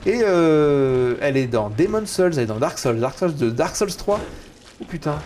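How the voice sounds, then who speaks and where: A French man casually commenting on a video game he is streaming, chatty and excitable. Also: on the high side, normal speed, a little hiss or hum. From France. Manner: chatty, excitable, swears at setbacks.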